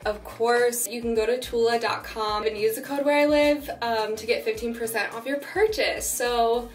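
A young woman in her twenties with a slightly raspy voice, chatting casually to camera in her apartment kitchen, full of "like" and "um". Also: a little high, normal speed, faint music behind, poor audio. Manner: chatty, relaxed, lots of "like" and "um". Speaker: vlogger. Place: small apartment kitchen, indoors.

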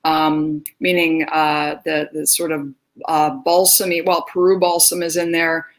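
A woman's voice: low voice, flat delivery, measured pace. A woman talking as a guest in casual conversation, effusive and descriptive, with many hesitations. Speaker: guest fragrance reviewer.

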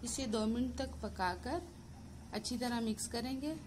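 A woman with a Pakistani Urdu accent, hosting a cooking channel, calmly talking through each step of a recipe in a voice-over. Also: on the high side, a little slow, noisy background. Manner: steady step-by-step instructions mixed with English words.

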